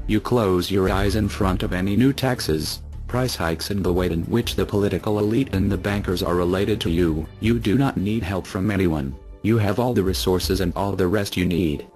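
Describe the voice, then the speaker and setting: A man speaking through a disguised deep voice effect, reading a scripted address slowly and without emotion. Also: darkish tone. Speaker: anonymous spokesman.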